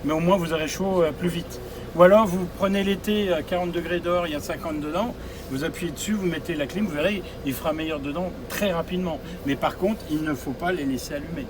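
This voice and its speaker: Inside a coach, with the outdoors close by, a driving instructor shows a group of drivers how the controls work, keeping it practical and repeating his advice. His voice sits a little high and moves briskly over a noisy background.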